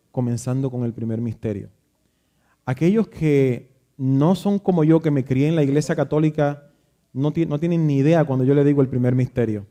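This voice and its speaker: A man's voice: mid-range voice, mellow. Man telling a sermon story. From Dominican Republic. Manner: reflective, nostalgic storytelling with frequent restarts. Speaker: pastor.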